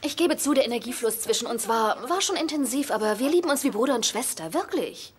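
Woman doing a gushy airy girl, kinda high, sing-songy. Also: lively intonation, fast talker, faint music behind, lightly acted. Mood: breezy. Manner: breezy, gushing. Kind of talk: dubbed telenovela.

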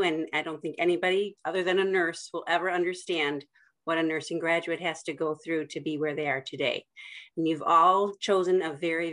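A nurse educator in her fifties speaks from her webcam. Her voice sits slightly low, and her message to the new nurses is heartfelt. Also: fairly bright tone, rough recording. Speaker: nursing teacher. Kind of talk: recorded congratulatory message.

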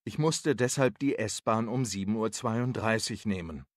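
A man's voice: lowish voice, measured pace, no room sound, studio quality. A man reading a coworker's lines in a scripted dialogue for a language lesson, explaining and apologetic. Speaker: office worker in a dialogue.

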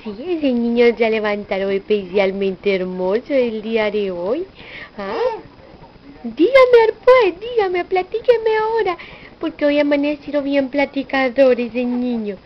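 A woman's voice: fairly high pitch, normal speed, slight background noise. A woman coaxing a baby in sing-song baby talk, repeating little words over and over. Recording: dull lo-fi home video.

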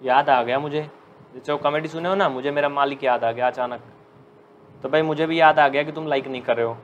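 A man teaching a live online maths class who jokes with students and dictates slowly. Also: a little high, fairly even intonation, dull audio, slight background noise. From India. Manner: chatty, joking, dictates slowly.

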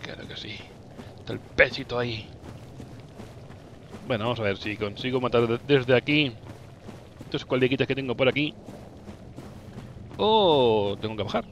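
A young man with a Spanish accent from Spain commentating his own gameplay, playful and excitable, teasing the enemies he fights with sudden yelps and laughs. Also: mid-range voice, normal speed, pauses often, highs cut off, slight background noise. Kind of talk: playful let's-play commentary.

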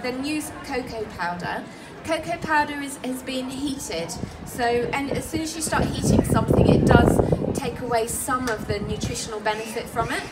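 An English woman and nutritionist giving a live cooking demonstration at an outdoor festival stall, chatty and explanatory with many ums and restarts. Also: on the high side. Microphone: filmed from the crowd by a far camera. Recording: distant voice through PA with outdoor noise.

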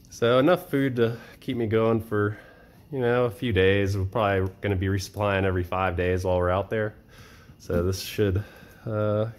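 A relaxed man in his thirties talks through his gear in a low, easygoing voice. He chats casually, with plenty of uh fillers. An air conditioner hums clearly in the room behind him. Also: slight background noise. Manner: relaxed, chatty, with frequent uh fillers. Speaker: vlogger showing camping gear. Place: cluttered home storage room and kitchen, indoors.

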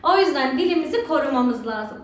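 A female religion teacher with a very high, animated voice leads a recorded remote lesson for schoolchildren at a slightly fast pace, constantly asking rhetorical questions to draw pupils in. The room is very echoey, and her voice sits far from the mic.

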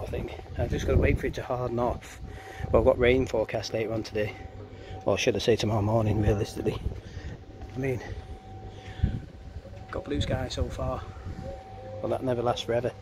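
With a camera or phone in hand, a man chats casually and ramblingly through a DIY vlog in his back garden. His medium-pitched voice holds a steady tone and runs a little fast. The handheld recording picks up outdoor ambient noise.

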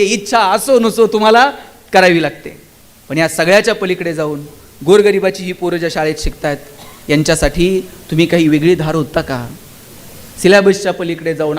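A man's voice: very high voice, fairly bright tone. A man giving a motivational speech to students and teachers, addressing the audience directly with rhetorical questions. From Maharashtra, India. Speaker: motivational speaker.

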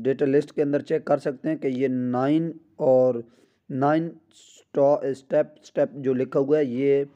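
A man's voice: medium pitch, dark tone, dull audio. A man working as a car mechanic, walking through a repair step by step with small restarts, recorded on a phone in a garage. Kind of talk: hands-on repair tutorial.

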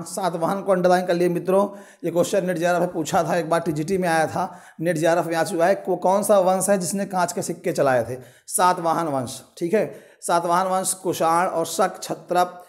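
A male teacher walking students through an exam syllabus, answering his own questions and telling them what to underline. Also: fairly high pitch. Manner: explains with rhetorical questions and repeated reminders to underline. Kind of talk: syllabus walkthrough lecture.

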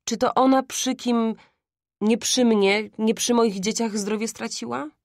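A woman's voice: a little high, fairly even intonation, unhurried, no room sound, voice pushed up. Woman narrator voicing a stubborn, indignant poor father; raised voice, dry.

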